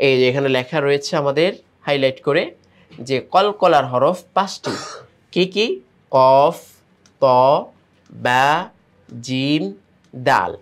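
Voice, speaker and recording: A man with a Bangladeshi Bengali accent teaching Quran reading, spelling out letters and vowel marks and then reading the words aloud slowly. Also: medium pitch. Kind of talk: step-by-step recitation lesson.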